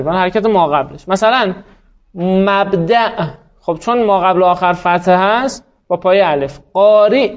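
A man teaching a class, explaining grammar rules step by step, asking the students questions and then answering them himself. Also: high-pitched. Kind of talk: classroom lecture on Arabic spelling. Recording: dull lo-fi sound.

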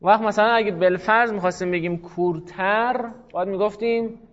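A man's voice: high voice, fairly even intonation, lo-fi sound. A man teaching a class, explaining grammar patiently and calling on students by name. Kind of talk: classroom lecture.

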